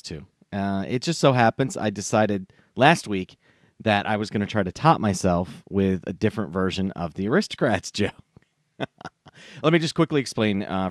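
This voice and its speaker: A man hosting a podcast, telling a crude joke with a laughing, animated delivery. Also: fairly low pitch, dry recording, studio quality. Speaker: podcast host. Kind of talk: comic storytelling.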